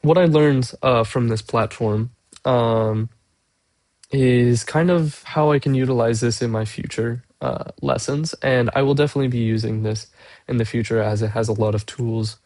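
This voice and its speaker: A young education student, nose stuffed up from a cold, hesitantly walks through a lesson he built, filling gaps with many "uh"s. It's a voice-over on a screen recording made with a computer mic, his medium-pitched, darkish voice steady, at normal speed, and dry.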